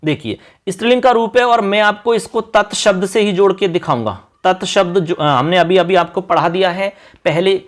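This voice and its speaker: A male teacher giving an exam-prep lesson, reciting word forms one by one in a slow drawn-out chant and explaining how to remember them. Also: high voice.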